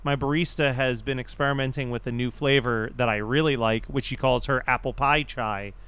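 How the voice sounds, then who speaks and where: Smooth-voiced man chatting about movies. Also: mid-range voice, steady tone, fairly bright tone. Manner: quick, laughs often, acts out quoted lines. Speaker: podcast co-host. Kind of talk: casual movie podcast chat.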